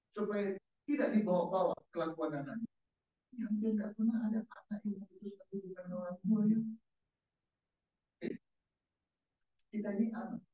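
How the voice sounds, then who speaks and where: During a church service, a pastor asks his congregation questions in a relaxed, interactive sermon. His voice is high-pitched and mellow, and the distant, dull mic captures the echo of the church hall.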